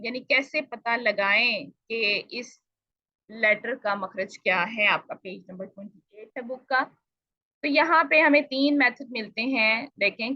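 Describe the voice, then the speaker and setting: In an online tajweed lesson, a woman teacher with a voice on the high side patiently explains Quran recitation, asking questions and then answering them herself. The recording is dry and the audio dull.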